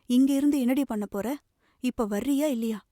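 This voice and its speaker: A woman reading the part of a stern middle-aged mother with a sharp, scolding manner. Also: a little high, a little fast, no room sound, clean studio sound, natural voice.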